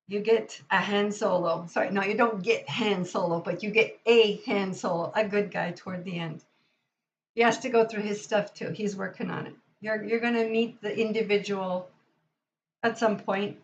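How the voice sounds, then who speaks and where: A woman's voice: medium pitch, a little hiss or hum. A woman hosting a live tarot reading, chatting with enthusiasm and speaking straight to her viewers. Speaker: tarot reader and livestream host. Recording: dull lo-fi sound.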